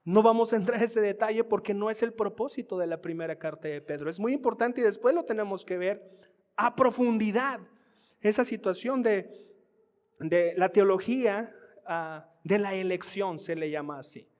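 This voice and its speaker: Mexican man preaching, chatty teaching tone, high voice, echo of a church hall. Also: normal speed, darkish tone. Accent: Mexican Spanish. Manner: conversational teaching, addresses congregation as family. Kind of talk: sermon. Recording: long hall reverb.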